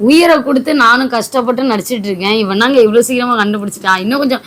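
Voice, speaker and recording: High-voiced woman, playfully exasperated. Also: rapid-fire, a bit bright, slight background noise. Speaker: family vlogger. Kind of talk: casual family banter on camera.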